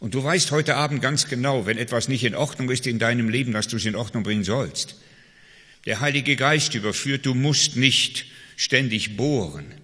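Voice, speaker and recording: Man, preacher, sermon, bright forceful voice, long hall reverb. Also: medium pitch, moderate pace, husky. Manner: emphatic preaching with swings between loud calls and quiet confession.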